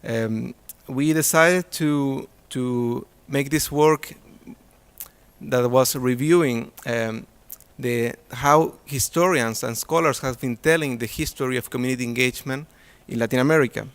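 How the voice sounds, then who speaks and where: A conference presenter from Chile whose first language is Spanish gives an academic talk in a smooth, mid-range voice, speaking a little slowly. He sounds hesitant, with many fillers and restarts.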